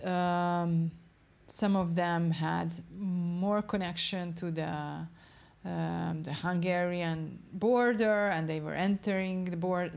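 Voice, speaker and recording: A young woman researcher with a lowish, slightly mellow voice explains her study's findings in an interview. She goes carefully, searching for words as she speaks.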